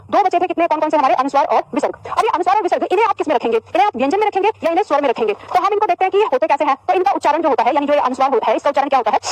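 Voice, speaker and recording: A woman teaching a Hindi grammar lesson to a class, asking questions and answering them herself, and repeating phrases slowly for students to write down. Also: sits high, no room sound, rough recording. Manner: addresses students as "beta", repeats phrases for dictation.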